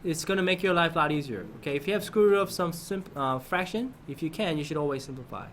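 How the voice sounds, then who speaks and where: A man's voice: on the high side, fast talker, a little hiss or hum. A man teaching a math lesson to his class, often prompting students with questions and checking that they follow.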